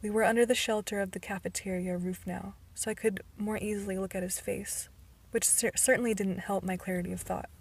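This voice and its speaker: Amateur female audiobook narrator, breathy tone, flat pitch, stumbles now and then. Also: a little fast. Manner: occasional stumbles and restarts. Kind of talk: first-person novel narration.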